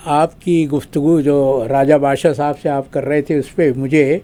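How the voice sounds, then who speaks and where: An older man from Pakistan speaks as a guest analyst with a slightly high yet mellow voice. His talk is measured and formal, with long pauses and drawn-out fillers between his points. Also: flat delivery. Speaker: guest analyst, retired diplomat. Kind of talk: formal spoken commentary.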